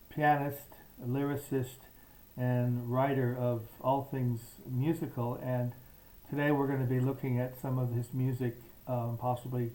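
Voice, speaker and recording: An American man hosting and introducing a guest, speaking in a halting, hesitant way with a standard American accent. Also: mid-range voice, mellow, poor audio. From United States. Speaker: host. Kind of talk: unscripted introduction of a guest, with some read-out quotes.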